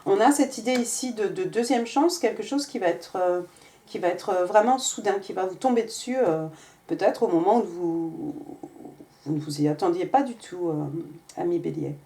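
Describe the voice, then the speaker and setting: A woman's voice: on the low side, moderate pace, dark tone. A woman giving a casual tarot reading, talking with many hesitations and restarts. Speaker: tarot reader.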